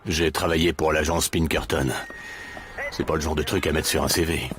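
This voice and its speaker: Booker DeWitt, very deep-voiced laconic mercenary. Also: male voice, level tone, moderate pace. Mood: dry, guarded. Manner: terse, dry, sardonic. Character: gruff, laconic, world-weary male mercenary detective. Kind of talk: video game acting, French dub.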